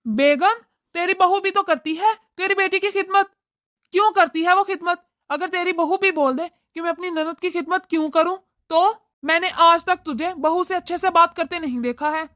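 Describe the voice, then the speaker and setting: This is a scolding cartoon father, voiced by a woman. He lectures his wife and daughter in a very high, bright voice. The sound is dry and close to the mic. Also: normal speed, no echo. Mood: lecturing. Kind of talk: cartoon voice acting.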